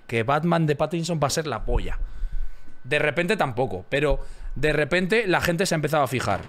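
A man from Spain streaming a game, rambling casually to his chat in a Spain Spanish accent, swearing freely and joking around. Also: mid-range voice.

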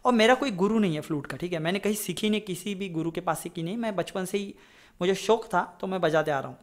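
A man with a high voice speaks at a quick pace while teaching a casual flute lesson. He is a music teacher, chatty and rambling, drifting into advice and checking in with students by repeating "ठीक है?"

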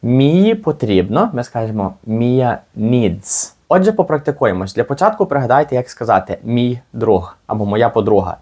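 Male teacher, Ukrainian accent, patient explaining, animated pitch, slow repeated phrases. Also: slightly rough. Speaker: English teacher. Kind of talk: language lesson with slow repetitions.

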